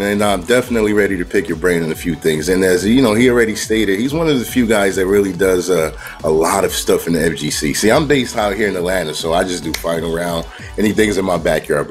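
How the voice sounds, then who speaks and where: A middle-aged man hosting a casual interview over a video call with a headset, loose and upbeat, often chiming in with quick agreement. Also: lowish voice. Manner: upbeat, loose, affirming with 'right, right'. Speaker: host. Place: home room, indoors.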